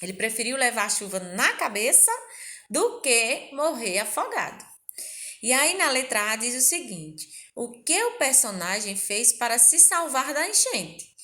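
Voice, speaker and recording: A woman teacher from Brazil giving a recorded lesson to young children, speaking gently with lots of diminutives and check-in questions. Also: on the high side, very animated, a little slow. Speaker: primary school teacher.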